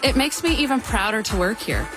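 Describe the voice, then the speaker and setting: A woman's voice: on the high side, animated, fairly quick, over music. A woman giving a conversational, scripted employee testimonial for a commercial.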